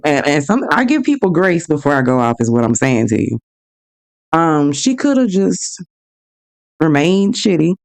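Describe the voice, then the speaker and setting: A podcast host tells personal stories on her own show, frank and animated, acting out both sides of each exchange. Her voice is fairly low-pitched with vocal fry, and the talk is casual personal storytelling.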